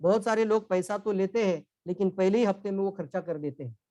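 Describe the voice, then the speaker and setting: A man leads a sales training session in a coaching tone, calling his listeners friends and sir. His voice sits fairly high and is recorded close and dry, with no room echo. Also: brisk, warm tone. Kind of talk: motivational training talk.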